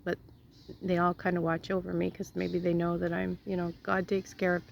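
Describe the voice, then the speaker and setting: Raspy, gravelly-voiced woman rambling casually. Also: on the low side, monotone, moderate pace, lo-fi sound, background noise. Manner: rambling, laughs often, many fillers. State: sore throat. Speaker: vlogger. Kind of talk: casual storytelling chat.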